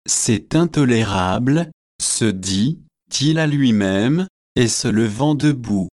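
A man reading a classic novel aloud as an audiobook narrator, with a measured, even delivery. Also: medium pitch, no echo, studio quality.

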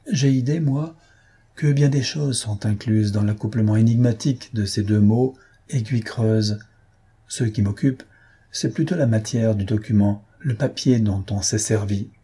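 A man's voice: fairly low pitch, unhurried, mellow, breathy edge. A man doing a methodical young sleuth. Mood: reasoning. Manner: methodical, reasoning aloud. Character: sharp young male amateur detective.

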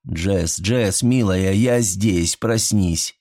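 Audiobook lover: male reader doing a patient, soothing young man, low and husky. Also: extremely slow, exaggerated voice. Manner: soothing, soft-spoken. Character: calm, caring young man, gentle and patient. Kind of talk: audiobook character voice.

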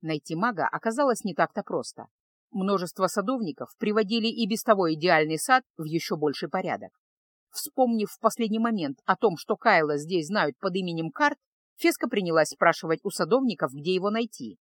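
A woman narrating a fantasy novel as an audiobook, with a fairly low voice. Her reading is even and measured. The recording is dry and close, with no room sound. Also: dry recording. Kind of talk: scripted narration.

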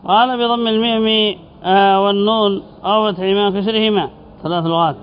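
Male sheikh, high voice, methodical text commentary lesson, dull lo-fi recording. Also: steady tone, clear, resonant tone. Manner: reads text aloud then explains, repeating word forms slowly; asks students questions. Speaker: sheikh teaching Arabic grammar and rhetoric. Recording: dull lo-fi lecture recording with faint hiss.

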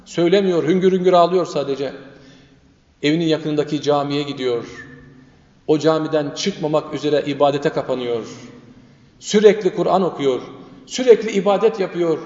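A man's voice: a little high, normal speed, a little mellow. A male preacher telling a story in a sermon, vividly and dramatically, with much repetition. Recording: echoey reverberant lo-fi room sound.

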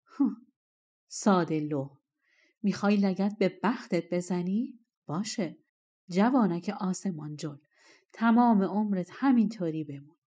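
A woman's voice: fairly low pitch, lively intonation, warm tone, highs cut off. A woman voicing an ancient bearded male treasure spirit of the mountains, harsh and scornful, in a storybook reading. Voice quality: harsh, rough. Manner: scornful, insistent.

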